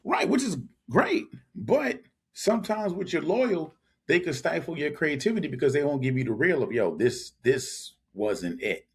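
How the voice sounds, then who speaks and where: A man's voice: fairly high pitch, animated, moderate pace, vocal fry, breathy edge. A man co-hosting a casual podcast chat, giving blunt, emphatic opinions and repeating his points. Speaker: podcast co-host.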